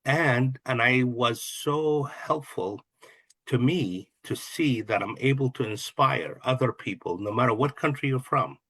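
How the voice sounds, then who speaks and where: Middle-aged man from Kuwait, husky low voice, dry close sound, earnest and reflective. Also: measured pace, a bit bright, no echo. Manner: earnest, reflective, lists ideas with repeated restarts. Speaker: guest, real estate investor and coach. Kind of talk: conversational interview answers.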